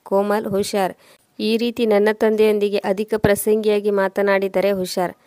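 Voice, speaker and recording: Stern young husband; woman reader voicing him, even and flat, dry. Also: mid-range voice, normal speed, no room sound, lightly acted. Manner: stern, threatening. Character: hot-tempered young husband.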